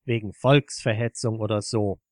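A man's voice: on the low side, fairly even intonation, normal speed, no room sound, clean studio sound, natural voice. A man voicing an angry right-wing regular at a pub table, speaking sarcastically and getting worked up. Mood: sarcastic.

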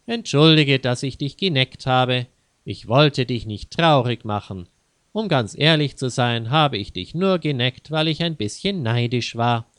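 A man's voice: mid-range voice, lively intonation, measured pace, fairly bright tone, smooth, dry recording, studio quality. A man voicing a playful young girl who teases her brother, in a mocking sing-song way. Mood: apologetic.

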